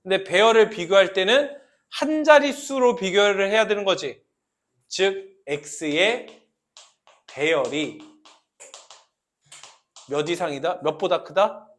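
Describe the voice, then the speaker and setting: A male math teacher lectures a class in a high voice. He talks slowly and leans on key terms. He checks often with questions to his students. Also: fairly bright tone.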